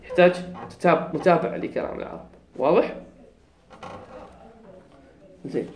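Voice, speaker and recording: A man with a Kuwaiti accent lectures on grammar, laying out each point step by step. His voice moves up and down animatedly as he pauses to check his students are following. The room around him rings with echo. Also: fairly high pitch, lively intonation. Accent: Kuwaiti Arabic. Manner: explains step by step, often checks understanding. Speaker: grammar teacher. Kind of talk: classroom lecture. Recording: echoey room.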